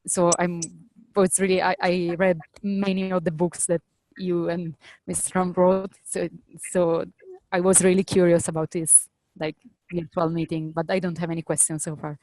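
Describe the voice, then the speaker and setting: A woman's voice: fairly low pitch, little pitch movement, normal speed, darkish tone, no echo, low-quality recording. Hesitant Italian woman, dry sound. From Italy. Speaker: participant, diversity consultant. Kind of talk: self-introduction on a video call. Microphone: video call.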